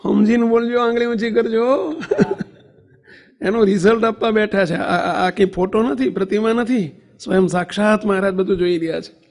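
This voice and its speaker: A man's voice: high voice, normal speed. A man preaching a devotional sermon to a temple congregation, telling stories, acting out quotes and asking the listeners questions. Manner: animated storytelling, acts out quotes, asks the audience questions. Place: temple assembly hall.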